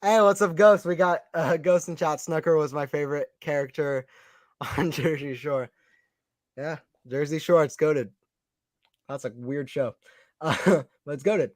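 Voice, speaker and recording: A man's voice: fairly high pitch, no echo, studio quality. A young man doing casual live tennis play-by-play, chatting with viewers and reading the chat aloud. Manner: chatty, reads chat aloud, quick excited calls. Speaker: live stream commentator.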